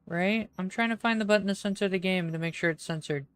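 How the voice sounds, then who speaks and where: A streamer in casual livestream chat, chatty and playful with the audience. The voice is smooth and clear and sits at an even middle pitch. The talk wanders loosely from topic to topic. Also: fast.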